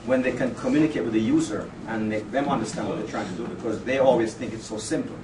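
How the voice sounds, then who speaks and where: A man's voice: mid-range voice, fast, music in the background. Man giving a chatty farewell speech. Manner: chatty, laughs between phrases, repeats words. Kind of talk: informal farewell speech, partly read aloud. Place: indoor office farewell party. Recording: roomy, far from mic, background noise.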